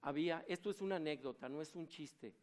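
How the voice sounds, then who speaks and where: A man's voice: on the high side, fairly quick. A man preaching a sermon, telling stories and asking the congregation questions. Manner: animated, storytelling, asks the congregation questions. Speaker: pastor.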